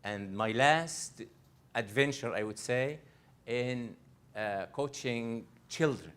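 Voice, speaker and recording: In a library event room, an Egyptian coach leads a live workshop, his mid-range voice expressive, slightly bright and smooth at a slow pace. He talks earnestly to the room, frequently restarting and repeating phrases.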